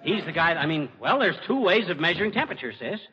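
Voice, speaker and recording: A dull old radio broadcast, full of reverb and hiss, carries a man playing a boastful, bumbling husband in 1940s comedy. Blustering, he wisecracks and chuckles in a slightly high, sharp-toned voice, talking fast with big pitch swings.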